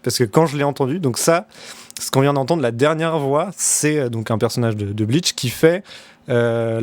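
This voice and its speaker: A man's voice: mid-range voice, no room sound. A man hosting a casual discussion, speaking hesitantly in short bursts. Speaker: show host.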